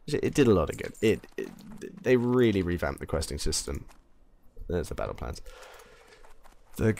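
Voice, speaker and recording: A low, somewhat mellow male voice with faint noise behind it belongs to an English-accented let's play commentator. His talk while playing is casual and meandering, full of self-corrections.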